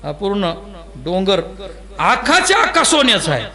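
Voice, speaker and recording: A man's voice: high-pitched, wildly swooping pitch, normal speed, bright, forceful tone, exaggerated voice. A male preacher voicing a patient, kindly god who grants boons and calls the devotee his child. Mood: indulgent. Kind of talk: acted quotes within a sermon.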